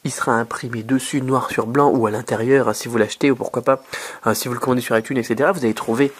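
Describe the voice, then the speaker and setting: Chatty husky Frenchman. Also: fast talker. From France. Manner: chatty, many fillers and restarts, lively pitch jumps. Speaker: YouTube host. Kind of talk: casual advice monologue.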